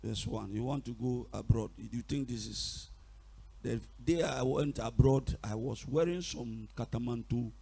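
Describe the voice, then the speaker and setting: A man preaching a sermon in short bursts for an interpreter, shouting refrains and chuckling through asides. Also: mid-range voice, unhurried, gravelly, breathy edge.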